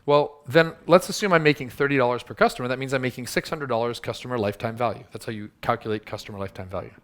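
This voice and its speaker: A man's voice: mid-range voice, racing. A man giving a live workshop talk to an audience, punchy and teasing, quizzing the room with show-of-hands questions. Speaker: workshop speaker.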